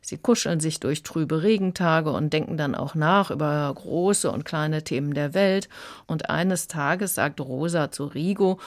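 Female radio critic, low voice, friendly, explaining. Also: measured pace. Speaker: book critic. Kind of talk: radio book review.

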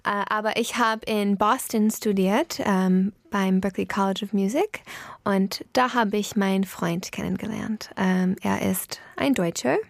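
A woman's voice: medium pitch, steady tone, unhurried, vocal fry, no echo. A woman from the United States, a native English speaker, speaks German with an American accent in a casual studio interview, making grammar slips and searching for words. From Pennsylvania, United States. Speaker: interview guest, singer.

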